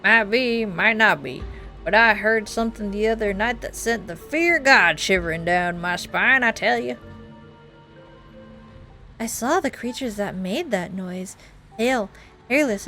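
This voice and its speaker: A woman's voice: medium pitch, measured pace, sharp tone, soft background music. A woman voicing a blunt, superstitious old-timer miner in a video game, with a rural Southern drawl. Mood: spooked.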